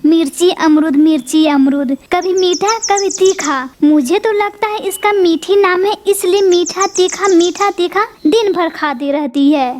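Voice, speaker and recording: Woman as a teasing, gossipy cartoon sparrow, high and singsong. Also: a little slow, hardly any pauses, darkish tone, a little hiss or hum. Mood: mocking. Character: gossipy mocking female sparrow. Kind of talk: cartoon voice acting.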